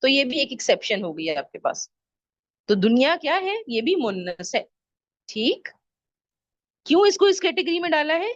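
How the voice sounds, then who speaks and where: A woman teaching an online Arabic grammar class, drawing out example words slowly and often checking that her students follow. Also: sits high, very animated, no room sound, dull audio.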